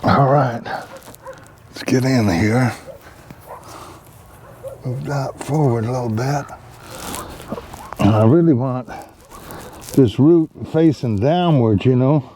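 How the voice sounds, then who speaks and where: Slow, mellow-voiced man planting trees. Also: mid-range voice, slight background noise. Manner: rambling, many fillers, talks to viewers as guys. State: back tightening up, a bit strained. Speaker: tree planting vlogger. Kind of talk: casual how-to narration while working. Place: outdoors at a planting site. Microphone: camera mic, set down nearby.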